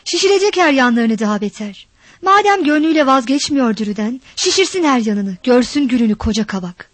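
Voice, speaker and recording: A woman reading a story aloud with expressive, dramatic narration. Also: high-pitched, fairly quick, no room sound.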